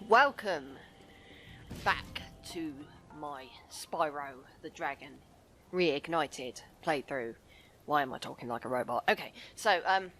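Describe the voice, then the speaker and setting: A woman's voice: medium pitch, fairly bright tone. A woman hosting a casual game playthrough, chatting in a rambling way with plenty of fillers and self-corrections. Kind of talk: casual gameplay commentary. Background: game music.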